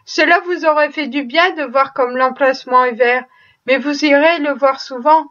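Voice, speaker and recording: A kind poor father speaks gently through his sorrow, as a woman narrator reads him. The voice stays high and soft. The recording sounds dull and lo-fi. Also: fairly even intonation, moderate pace. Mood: gentle sorrow.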